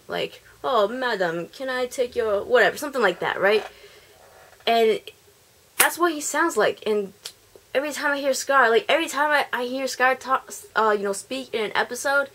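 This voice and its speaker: A woman's voice: a little high, a bit bright. A woman talking casually on her vlog in a chatty, rambling way, often restarting her sentences. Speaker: vlogger.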